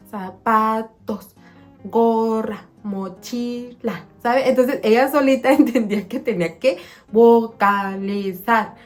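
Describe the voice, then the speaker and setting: Woman, fairly high voice, chatty vlog storytelling, slow careful word demos, soft music underneath. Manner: chatty, spells out words slowly and clearly when showing how she taught them. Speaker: vlogger mother. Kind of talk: casual storytelling to viewers.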